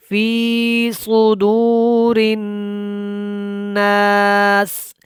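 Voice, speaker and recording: A woman teaching how to pronounce Quran verses in a tajweed lesson. She explains at a brisk pace and repeats correct and wrong pronunciations. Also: mid-range voice, dry recording, studio quality.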